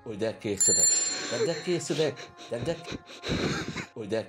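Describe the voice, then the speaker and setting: A man's voice: medium pitch, expressive, normal speed, loud music behind the voice, close to an everyday voice. An actor playing a stern middle-aged father who scolds, then soothes his son. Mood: soothing. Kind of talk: film drama acting.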